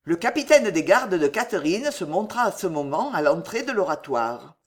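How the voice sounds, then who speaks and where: A woman reading a novel aloud as an audiobook narrator, in a measured, expressive way. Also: lowish voice, breathy edge. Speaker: audiobook reader.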